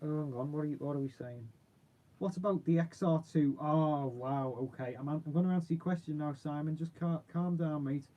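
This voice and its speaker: A man's voice: fairly high pitch, fairly quick, dull audio. A man, chatting casually and informally as he hosts a livestream and answers viewers, rambling in a matey way. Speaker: car channel host.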